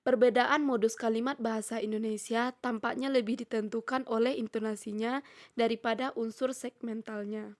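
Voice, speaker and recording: A young woman student reading a prepared lecture in a steady, measured way, slowing down when she reads out example sentences. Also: fairly high pitch. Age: young adult. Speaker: student presenter.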